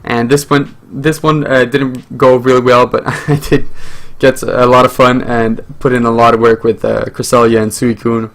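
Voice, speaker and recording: Speaking at a moderate pace with hardly any pauses, a young man with French as his mother tongue hosts his own channel and narrates a game live. His medium-pitched voice barely moves in pitch, and his commentary wanders, packed with fillers and false starts.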